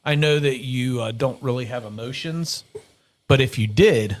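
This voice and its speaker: A man's voice: medium pitch, normal speed. Rambling middle-aged man, casual chat. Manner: rambling, self-correcting, laughs easily. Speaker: podcast host.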